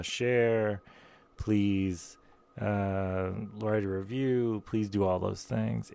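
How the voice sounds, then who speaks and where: A man hosting a podcast, speaking as a gentle, soothing meditation guide in soft, reflective monologue with pauses. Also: on the low side, vocal fry. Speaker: podcast host.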